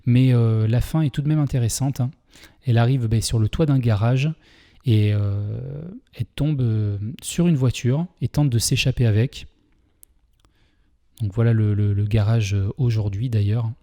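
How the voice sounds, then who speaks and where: A man's voice: medium pitch, moderate pace, mellow. A man with a French accent hosting a casual film review, chatty and full of hesitations. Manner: chatty, many fillers and restarts. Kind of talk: casual video commentary.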